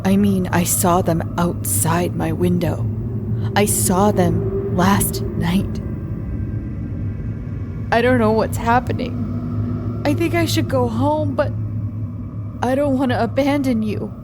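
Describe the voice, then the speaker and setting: Casting: woman as scared young man, tearful, stammering, slow delivery, horror audio story. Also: sits low, fairly even intonation, noisy background. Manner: halting, stammering. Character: frightened young man, tearful and shaken, confessing what he saw.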